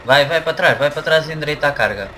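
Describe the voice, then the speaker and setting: A man's voice: fairly high pitch, very fast, sharp tone. A man with a European Portuguese accent, casually commentating a truck driving game for viewers. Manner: chatty, addresses viewers directly. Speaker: gaming channel host. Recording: noisy game audio behind voice.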